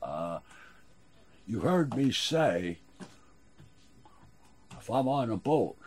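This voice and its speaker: A man in his sixties with a husky voice, chatting casually in a gruff, wry, halting way. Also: medium pitch, big pitch swings. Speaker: boat builder and owner being interviewed. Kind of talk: casual chat. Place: small wooden sailboat cabin.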